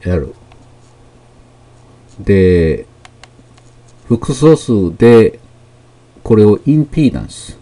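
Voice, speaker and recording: A man gives a math lesson in a fairly low, warm, mellow voice. He explains slowly and patiently, pausing often with fillers between terms. His first language is Japanese. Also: sing-song. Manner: slow, explanatory, with many fillers and pauses. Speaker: math teacher. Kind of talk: lecture explaining technical English terms.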